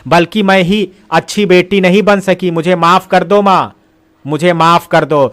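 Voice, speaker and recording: A man's voice: high voice, steady tone, measured pace, a bit bright. A man voicing a remorseful young daughter who apologizes tearfully in an audio story. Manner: sobbing, apologetic. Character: remorseful crying teenage daughter.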